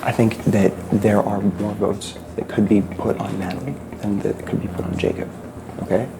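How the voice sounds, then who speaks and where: A man's voice: lowish voice, fairly even intonation, normal speed, creaky, noisy background. A man in a reality game confronting another player with direct, pressing questions. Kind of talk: tense strategy conversation.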